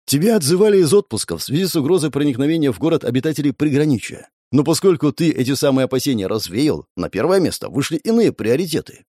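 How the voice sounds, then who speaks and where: A man reading a story, voicing a calm, evasive middle-aged male official who speaks in a measured, placating way. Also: a little high, no room sound, studio quality.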